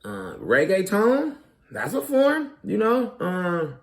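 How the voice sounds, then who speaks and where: A man's voice: high-pitched, wildly swooping pitch, slow pace. A man in his thirties, a comedian hosting his own show, talking casually and animatedly in slang straight to his audience. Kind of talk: casual commentary monologue.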